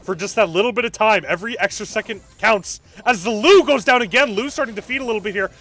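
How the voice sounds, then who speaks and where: A young man streaming live, giving excited play-by-play commentary on an esports match and answering chat between calls. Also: high-pitched, fast talker.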